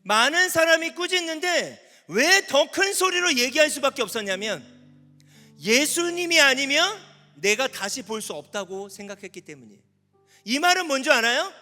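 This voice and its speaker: A man preaching at a youth camp as pastor, animated, asking the audience questions and at times shouting. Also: very high voice, moderate pace. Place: large hall at a youth camp. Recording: long hall reverb with faint instrument music.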